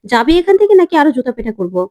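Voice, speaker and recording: A woman putting on a stern older mother from a serial drama, who scolds her son sharply and blames herself. The voice is a little high, near the narrator's own. She speaks forcefully and repeats her words. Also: big pitch swings, racing. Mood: scolding. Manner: scolding, then lamenting.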